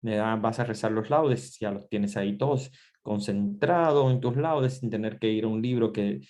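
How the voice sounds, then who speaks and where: A middle-aged priest teaching a Bible class online, talking loosely and informally, stopping to restart his sentences. His voice sits low. It comes through a computer microphone. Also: normal speed. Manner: relaxed, conversational, many fillers and restarts. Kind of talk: online class lecture with screen sharing.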